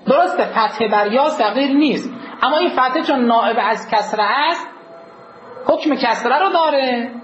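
A man's voice: extremely high pitch, fairly bright tone, a little hiss or hum. A man teaching a grammar lesson to a class. He asks the students questions, answers them himself, and draws out the key words. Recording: roomy, dull lo-fi classroom recording.

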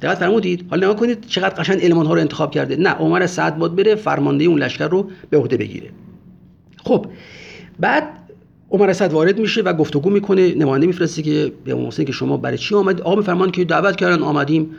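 A man's voice: a little high, gravelly, breathy edge. A man giving a religious history lecture, speaking emphatically and often urging listeners to pay close attention. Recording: dull lo-fi recording.

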